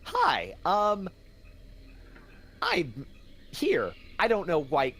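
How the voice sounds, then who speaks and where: A man's voice: high voice, wildly swooping pitch, drawn-out words, a bit bright. A man playing a tabletop game, speaking eagerly and stammering as he chats in character. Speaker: player.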